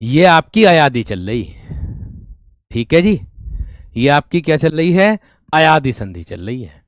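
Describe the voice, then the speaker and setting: A man's voice: a little high, big pitch swings, a little slow, no room sound, clean studio sound. A man teaching grammar in an online exam-prep class, explaining step by step and repeating each question to his students.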